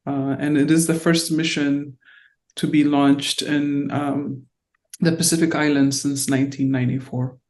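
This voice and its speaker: A middle-aged woman speaks in an oral history interview. She was born in Ethiopia and raised in North Carolina, and she talks in a reflective, unhurried way. She pauses often and fills the gaps with small hesitations. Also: deep voice, level tone, darkish tone. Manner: reflective, halting with frequent fillers. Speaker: interviewee, diplomat.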